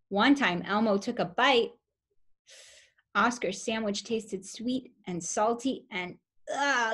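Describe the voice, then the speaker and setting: A young adult woman with a medium-pitched voice works as a preschool teacher, reading a picture book aloud to toddlers. She uses simple, expressive phrasing and asks the children questions.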